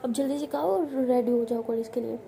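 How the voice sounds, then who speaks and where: A woman's voice: fairly high pitch, a little fast, gravelly, dark tone, slight background noise. A woman voicing a strict but joking middle-aged father who gives firm, scolding commands in a story. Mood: teasing.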